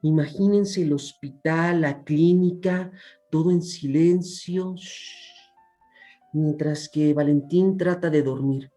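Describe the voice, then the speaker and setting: A man from Mexico with a Mexican accent, telling a children's story in a playful, expressive way and talking directly to his audience. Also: a little high, slow pace, faint music behind.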